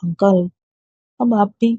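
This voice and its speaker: A woman's voice: medium pitch, takes it slowly, mellow, slightly rough, dry recording. A woman reading a storybook voicing a polite, reassuring young woman friend speaking on the phone. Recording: dull lo-fi dry recording.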